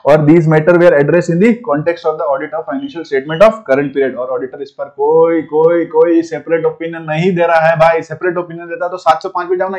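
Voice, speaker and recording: A man with an Indian English accent lecturing a class on auditing in a casual mix of languages, teasing students by name and slowing down to repeat key phrases. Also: on the high side, darkish tone, highs cut off. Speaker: CA audit teacher.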